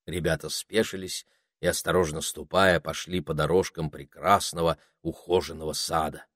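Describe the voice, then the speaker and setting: A man narrating a storybook in a measured, descriptive way. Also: rumbling low, fairly even intonation, a bit bright, no room sound, clean studio sound. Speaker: audiobook narrator.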